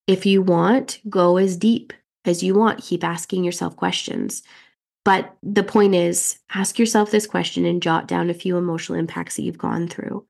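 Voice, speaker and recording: A woman hosting a motivational podcast while getting over a head cold, her voice nasal and raspy, coaching listeners directly with earnest questions. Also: fairly low pitch, fairly even intonation, normal speed, a little mellow. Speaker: podcast host and fertility mindset coach.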